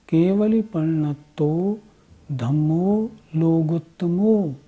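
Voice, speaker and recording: A woman teaching the correct recitation of a prayer, chanting each line slowly and explaining its meaning with careful pronunciation. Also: deep voice, mellow, husky. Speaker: religious teacher. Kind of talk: slow devotional recitation and explanation.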